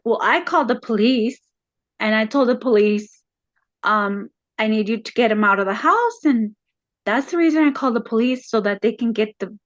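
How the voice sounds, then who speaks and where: A woman as a counseling client, retelling a home conflict haltingly with many fillers, her voice rising when upset. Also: on the high side, dry recording, lo-fi sound. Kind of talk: emotional retelling in a counseling session.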